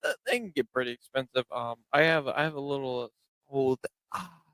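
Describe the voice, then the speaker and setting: A man's voice: medium pitch, normal speed, bright, forceful tone, no echo, rough recording. A man guesting on a podcast, chatting casually over drinks, stumbling over and repeating his words as he rambles.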